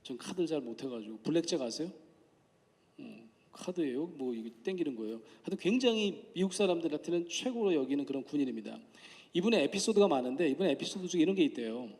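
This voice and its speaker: A man's voice: fairly high pitch, animated, fast talker, a little mellow. A man giving a public lecture as a professor. He speaks in a conversational way, asks the audience questions and acts out the voices in his anecdotes. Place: lecture hall at a forum. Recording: long hall reverb.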